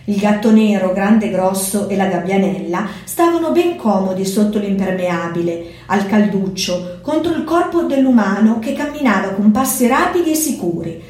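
A woman, a preschool teacher, reading a storybook aloud in a clear, measured way. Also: medium pitch, expressive, a little mellow. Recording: very echoey room.

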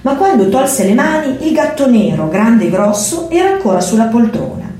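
A woman preschool teacher reading a children's book aloud in a gentle, measured way. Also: a little high, very animated. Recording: very echoey room.

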